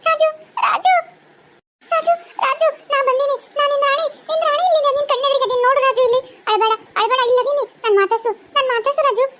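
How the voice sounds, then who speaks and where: A woman voicing a grieving young ghost wife in a cartoon, pleading and wailing in a North Karnataka Kannada accent. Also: slight background noise. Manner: very high, fast, pleading and wailing. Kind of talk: cartoon voice acting.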